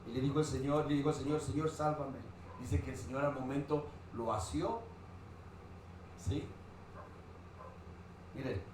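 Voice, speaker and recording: A man's voice: medium pitch, normal speed, pauses often, far from the mic. A man preaching a sermon, asking the congregation questions as he goes. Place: church hall. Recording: very echoey church hall, faint noise.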